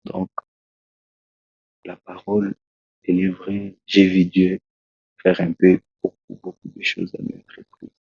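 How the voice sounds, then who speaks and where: A Congolese preacher, a man, tells his testimony in an interview, slowly and haltingly, with many restarts. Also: deep voice, monotone, darkish tone, breathy edge, dry recording. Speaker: preacher, guest. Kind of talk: testimony in a talk show interview. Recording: dull, lo-fi dry sound.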